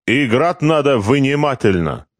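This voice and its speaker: A cocky Georgian soldier with a thick Georgian accent needles his card partner in broken grammar, as a male reader puts him on. His voice sits high and proud. The sound is dry and close. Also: very animated, unhurried, no echo. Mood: cocky needling.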